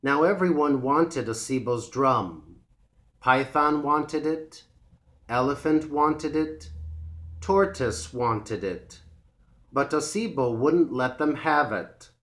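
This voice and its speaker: A man reading a folktale aloud for English learners, slowly and clearly. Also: medium pitch, animated, a bit bright. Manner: slow, clear and measured reading. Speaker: English teacher.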